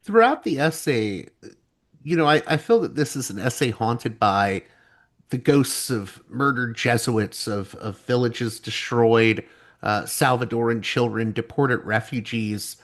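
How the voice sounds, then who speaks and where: A man's voice: medium pitch, unhurried. A man hosting a podcast, asking a long question with searching, hesitant phrasing. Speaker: podcast host. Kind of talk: interview question.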